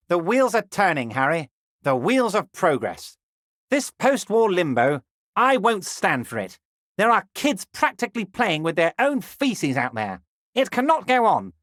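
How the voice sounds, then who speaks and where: In game voice acting, an actor gives a full character voice as a heavyset, smooth-talking male union boss, honeyed and self-satisfied with menacing charm. The grandiose delivery is high-pitched with a fairly bright tone, captured in clean studio sound with no room sound.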